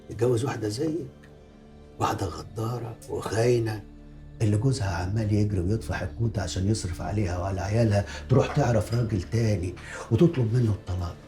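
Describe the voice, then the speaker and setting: A man's voice: on the low side, darkish tone, natural voice. An actor with an Egyptian accent playing a pious-talking, scheming middle-aged man who threatens his ex-lover in a film drama. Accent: Egyptian Arabic. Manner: sanctimonious, menacing, full of religious phrases.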